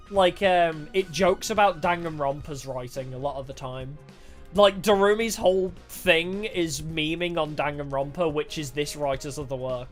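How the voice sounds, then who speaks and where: A woman livestreamer giving casual game commentary, with animated reactions and chatty asides. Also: sits low. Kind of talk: casual game commentary, reading dialogue aloud. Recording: music playing behind the voice.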